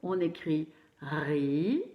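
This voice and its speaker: A woman teacher giving a phonics lesson to young children, slowly spelling out syllables and praising them. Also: sits low, lively intonation. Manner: slow, encouraging, syllable by syllable. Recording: roomy, dull lo-fi sound.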